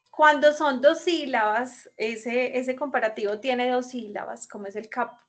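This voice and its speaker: Colombian woman teacher, patient and methodical, higher voice, unhurried delivery, online class over video call. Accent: Colombian Spanish. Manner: patient, explanatory, often checks with "¿cierto?". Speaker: English teacher.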